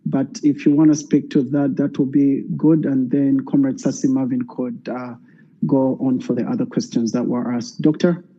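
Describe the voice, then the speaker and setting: A man's voice: mid-range voice, flat delivery, moderate pace, warm tone. A man moderating a live online party meeting, hesitant with many fillers as he hands the floor to speakers. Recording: dull lo-fi online audio.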